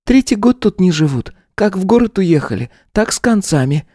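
Actress as a lively teasing girl, audiobook: playful, daring, mellow. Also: mid-range voice, moderate pace, breathy edge, dry recording, studio quality.

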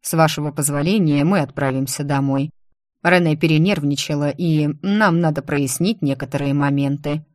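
A woman reading the part of a calm, protective duke and mage who speaks quietly and reassuringly. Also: low-pitched, normal speed, no echo, studio quality, close to an everyday voice.

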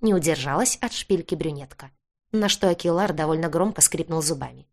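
A woman narrating a fantasy audiobook with lively, dramatic delivery. Her voice sits lower than most women's. She reads with a steady storytelling flow. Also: fairly quick.

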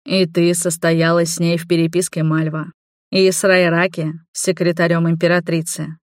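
A woman voicing a stern, calm man who coolly accuses the heroine in a storybook reading. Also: fairly low pitch, normal speed, no echo, studio quality, natural voice. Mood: coolly accusing.

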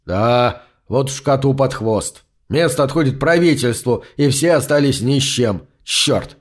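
A man voicing a huge, gruff fat man who grumbles and schemes, in an audiobook reading. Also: medium pitch, expressive, measured pace. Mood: grumbling.

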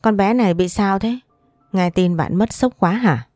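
A woman's voice: medium pitch, moderate pace, darkish tone, no echo, studio quality, faint music behind, close to an everyday voice. Woman doing a fussing chatty aunt. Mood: fussing concern. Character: concerned middle-aged aunt, chatty.

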